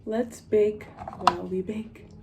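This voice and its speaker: A woman's voice: medium pitch, fairly even intonation, slow, creaky. A young woman talking casually to camera in a stoned, rambling stoner manner, informal and sweary as she chats through getting ready. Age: young adult. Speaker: vlogger. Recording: music playing behind the voice. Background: music.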